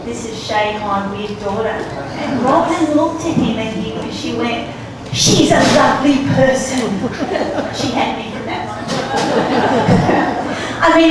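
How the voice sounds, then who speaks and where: A woman in her forties giving a chatty, teasing wedding toast into a handheld mic, laughing between lines. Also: a little high. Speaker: best man giving a wedding speech. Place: reception room, indoors. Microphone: handheld mic, filmed from across the room. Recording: very echoey room, far camera, loud hiss.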